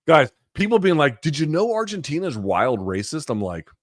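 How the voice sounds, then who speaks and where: Reading viewer questions during a live chat he's hosting, a middle-aged man replies in a casual, blunt and profane way, tossing in animated asides. His pitch sits fairly high, and the studio sound is clean with no room noise.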